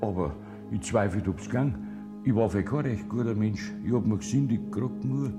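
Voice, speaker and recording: An actor plays an old farmer with a Bavarian accent in a radio play. He speaks haltingly and humbly, with music clearly audible behind him. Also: lowish voice, close to an everyday voice. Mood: humble. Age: older. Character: Brandner Kaspar, old Bavarian farmer, wonderstruck.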